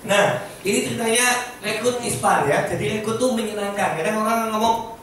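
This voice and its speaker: A man's voice: high-pitched, normal speed, fairly bright tone, slight background noise. A man giving a chatty motivational sharing talk to a small group, constantly asking the audience questions. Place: meeting room with a small audience. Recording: echoey room heard from a distance.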